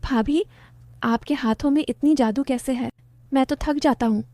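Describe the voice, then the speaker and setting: A lovesick young man with a soft, coaxing way of talking, as a woman reads him. The voice sits fairly high and mellow, with a close, dry sound. It stays gentle and near to everyday speech. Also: moderate pace, dry recording. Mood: teasing.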